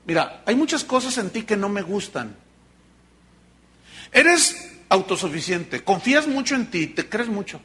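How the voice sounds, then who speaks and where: A man voicing Jesus as a patient, fatherly teacher, gentle and conversational, in a retold sermon scene. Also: sits high, big pitch swings, unhurried, exaggerated voice. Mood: firm.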